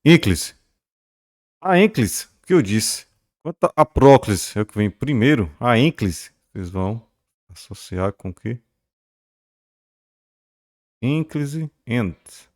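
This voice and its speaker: A man with a Brazilian accent teaching a grammar lesson at a board, pointing things out, repeating key words slowly and checking in with the class. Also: medium pitch, animated, no room sound, clean studio sound.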